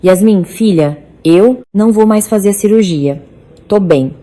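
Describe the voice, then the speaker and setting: A woman voicing a gentle, self-effacing elderly mother, speaking low and quiet in a narrated story. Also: a little slow, lightly acted.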